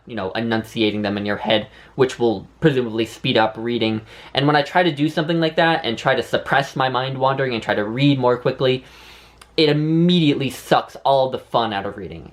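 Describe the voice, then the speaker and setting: A man talking casually and reflectively in a vlog, with a lisp and whistling s sounds, often rambling and correcting himself. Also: medium pitch. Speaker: book vlogger. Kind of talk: casual reflective talk to camera.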